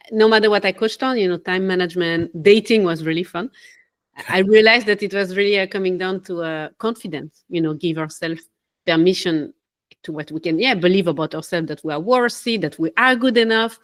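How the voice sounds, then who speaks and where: Chatty Swiss woman life coach. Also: medium pitch. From Switzerland. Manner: animated, laughs between phrases, loses her train of thought. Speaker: podcast guest, life coach. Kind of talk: casual interview talk.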